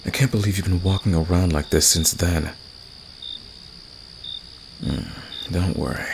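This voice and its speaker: A man in an ASMR roleplay speaks intimately to the listener as a teasing, flirtatious fantasy villain with a hidden caring side, his delivery gravelly and seductive. The voice is low, steady and unhurried, soft-spoken with a gentle, caring mood. Crickets and night insects fill the noisy background.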